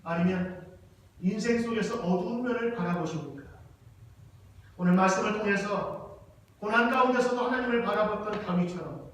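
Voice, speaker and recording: Brief: male pastor, fairly high voice, emphatic sermon, recorded from afar in a very echoey hall. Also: fairly bright tone, a little hiss or hum. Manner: slow, emphatic scripture reading. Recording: echoey church hall from far off.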